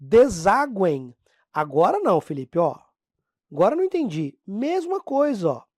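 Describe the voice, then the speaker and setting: A Brazilian woman teaching a grammar lesson, talking straight to her class and drawing out example words slowly. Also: medium pitch, slightly rough, no echo, clean studio sound. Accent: Brazilian Portuguese. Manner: lively, talks to the class as "pessoal", drags out example words slowly. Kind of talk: classroom lesson explaining phonetics.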